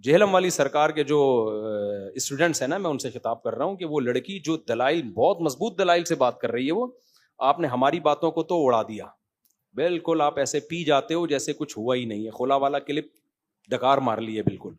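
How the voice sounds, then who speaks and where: A man giving an informal religious talk, animated, often checking that listeners follow. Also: medium pitch. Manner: animated, rising to emphatic loud stretches then dropping quiet; conversational, asks listeners rhetorical checks. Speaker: Islamic cleric answering questions.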